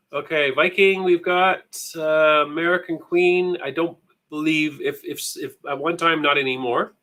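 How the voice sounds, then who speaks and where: Canadian man, bright voice, chatty, rambling, live trivia co-host. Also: fairly high pitch. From Ontario, Canada. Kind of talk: live-stream trivia chat.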